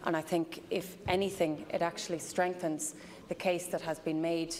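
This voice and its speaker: An Irish woman speaking as a minister in parliament, measured, with some hesitant starts. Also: on the low side, flat delivery, darkish tone. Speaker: government minister. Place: large parliamentary chamber. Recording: reverberant chamber, some background noise.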